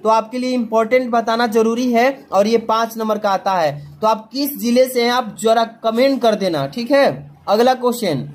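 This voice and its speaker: A man with a Hindi accent from Uttar Pradesh, a teacher explaining an exam paper to students, often asking a question and answering it himself. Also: very high voice. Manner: rhetorical self-answering questions; slow sing-song recitation of verse.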